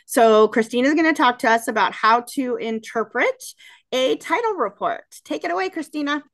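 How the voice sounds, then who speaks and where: A woman opening an online agents' meeting, her voice pitched a little high. She sounds upbeat as she welcomes everyone and introduces the speaker. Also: lively intonation, normal speed, fairly bright tone. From Ohio. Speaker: meeting host.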